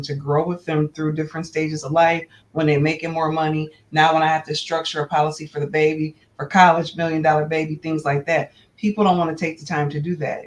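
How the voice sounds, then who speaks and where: A woman speaking as a guest in a casual panel discussion, measured and earnest. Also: sits low.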